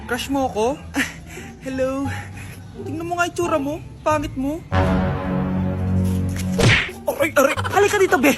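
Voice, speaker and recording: Woman, comedy skit acting, exaggerated, dramatic, teasing, high-pitched. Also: moderate pace. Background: music.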